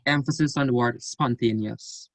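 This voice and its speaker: Male student in an online class, tentative and hedging, mid-pitched voice, dry close sound. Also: fairly even intonation, normal speed, dry recording, poor audio.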